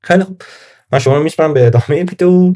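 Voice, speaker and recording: A man's voice: fairly high pitch, mellow. A man giving a casual screen-recorded Linux tutorial, thinking aloud and correcting himself as he goes. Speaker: Linux course instructor.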